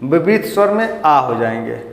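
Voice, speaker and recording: A man's voice: a little high, very animated, normal speed, creaky. A man teaching a class, asking the students questions and repeating their answers. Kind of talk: classroom lesson. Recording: echoey hall.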